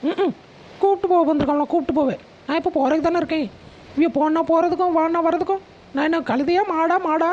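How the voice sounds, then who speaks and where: A sharp-tongued, resentful young wife in a cartoon, played by a woman. She fires off quick sarcastic retorts in a very high voice. The audio sounds dull and lo-fi.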